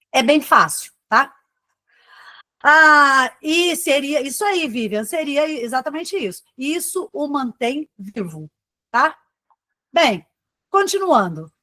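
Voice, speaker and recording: A woman's voice: fairly high pitch, pushed and bright, no room sound. A woman teacher with a Brazilian Portuguese accent giving a live online exam-prep class, chatty, calling on students by name and tagging her points with "tá?" and "né?". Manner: chatty, addresses students by name, frequent "tá?" and "né?" tags.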